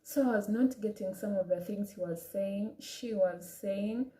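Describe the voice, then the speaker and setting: A woman's voice: medium pitch, unhurried, warm tone, reverberant, low-quality recording. A young woman with an African accent telling a personal story in a casual vlog, chatty, with many restarts and quoted asides. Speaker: vlogger.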